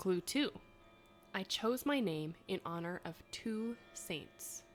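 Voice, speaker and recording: A woman in her thirties co-hosts a podcast, reading quiz clues and chatting, laughing often and tossing in self-mocking asides. Her medium-pitched voice is expressive and slow, with faint music behind.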